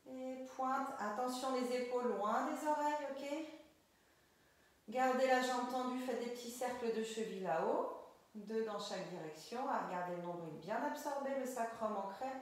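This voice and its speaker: A woman guides a Pilates session in a slow, gentle way, checking in with her students as she goes. Her voice sits a little high and rings out in a very echoey room. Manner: calm, gentle step-by-step cueing with frequent "ok?". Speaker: Pilates instructor. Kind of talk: guided exercise class.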